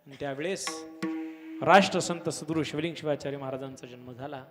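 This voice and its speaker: A man preaching a devotional kirtan sermon at a village gathering, fervent, swelling to loud exclamations. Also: on the high side, brisk, over music. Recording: long hall reverb with harmonium and tabla.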